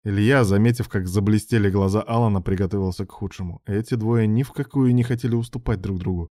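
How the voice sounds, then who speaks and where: A man reading a story as narrator in a steady, even storytelling manner. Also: fairly low pitch, fast, no echo, clean studio sound. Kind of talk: audiobook narration.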